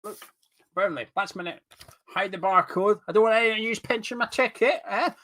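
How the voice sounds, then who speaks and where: Stuffed up and sniffly with a cold, a man from Scotland hosts a webcam live stream, reading viewer messages and chatting loosely, often straying from the subject. His voice sits high, a bit bright, and moves a little fast.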